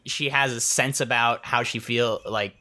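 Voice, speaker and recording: This is a relaxed co-host talking through a movie's plot in casual chat. The voice is bright and crisp at a mid pitch, and the delivery wanders, with frequent restarts and little acted-out quotes of the characters. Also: unhurried. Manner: rambling, restarts often, acts out characters' lines. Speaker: film podcast co-host.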